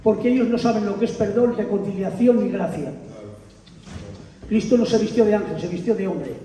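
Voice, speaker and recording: A visiting preacher with a high voice gives animated Bible teaching in an echoey church hall, speaking a little fast into a distant mic. He retells the story dramatically and emphatically, calls on the congregation, and bursts into shouts.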